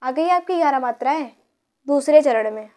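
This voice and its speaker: A woman's voice: high-pitched, expressive, moderate pace, darkish tone. A woman teacher explaining a grammar lesson, counting syllables aloud and asking her pupils questions.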